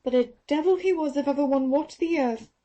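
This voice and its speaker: A woman audiobook narrator, speaking a little fast, takes on the part of a stern, taciturn Australian nurse who guards her mistress fiercely. She pitches her dark-toned voice high, above her own, yet it stays natural, with a bitter, indignant, protective edge.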